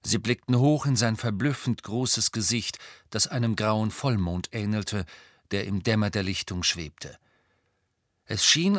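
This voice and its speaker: A man reading an audiobook as narrator, telling the story in a lively, expressive way. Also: fairly low pitch, no room sound, studio quality. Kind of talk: scripted narration.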